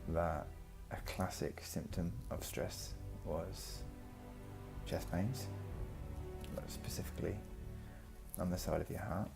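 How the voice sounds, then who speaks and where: Deep, gravelly man telling his story. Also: steady tone, takes it slowly. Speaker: vlogger. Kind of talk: personal vlog monologue, reflective storytelling. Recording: music behind the voice.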